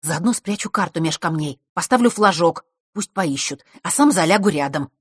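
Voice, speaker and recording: A woman's voice: lowish voice, animated, moderate pace, slightly rough, no echo, clean studio sound. A woman voicing an irritated young man, a camp counselor, who speaks curtly and crossly. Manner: displeased, curt.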